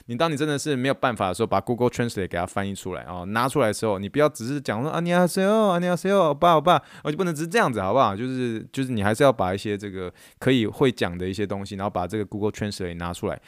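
Brief: man from Taiwan, quick animated storyteller, smooth clear voice, dry close sound. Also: fairly low pitch, no room sound. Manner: animated storyteller who acts out quotes. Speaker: podcast host and therapist. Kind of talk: casual chat monologue.

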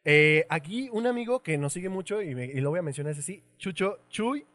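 A man's voice: high voice, animated, brisk, fairly bright tone, no room sound. A young man with a Mexico City Spanish accent, co-hosting a casual podcast chat at home, slangy and joking, laughing often. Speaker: podcast co-host.

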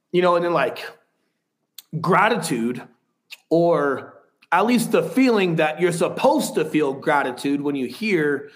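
A man in his thirties, a podcast guest, telling a personal story in a frank, rambling way with casual swearing. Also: fairly high pitch.

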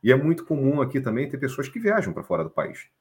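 A man's voice: medium pitch, wildly swooping pitch, quick pace, darkish tone. A man from Brazil, a guest explaining things in a casual live-stream chat and laughing often.

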